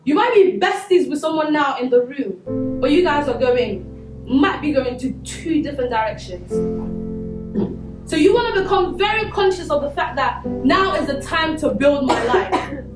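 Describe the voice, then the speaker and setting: A woman's voice: high voice, expressive, moderate pace. A young woman from Congo giving an earnest, conversational motivational talk to students at a school, with many fillers like "you know". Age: young adult. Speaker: guest speaker at a school. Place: school hall. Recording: echoey hall, distant mic, music behind.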